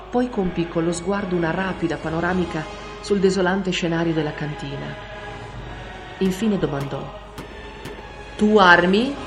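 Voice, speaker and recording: A woman narrating an audiobook in a measured, steady storytelling voice. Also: lowish voice. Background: faint music.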